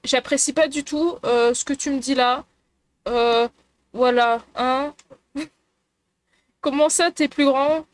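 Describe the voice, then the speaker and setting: A woman with a high, bright-pitched voice hosts a casual live stream, chatting with her viewers. She talks playfully and giggles often, teasing her chat. She is recorded on a desk mic at her computer. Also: fairly even intonation, slow, pauses often.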